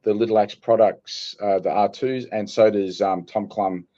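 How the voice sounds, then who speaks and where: Low-voiced Australian man on a dull line. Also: moderate pace. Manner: relaxed storyteller, dry humor. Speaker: guest, archery gear business owner. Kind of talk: casual interview chat.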